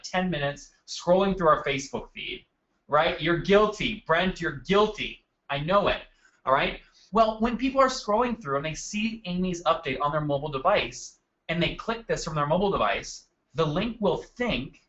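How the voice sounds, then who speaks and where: A man with a slightly high, sharp-toned voice hosts a live marketing webinar from his desk indoors, upbeat and chatty as he calls on attendees by name. The sound is lo-fi.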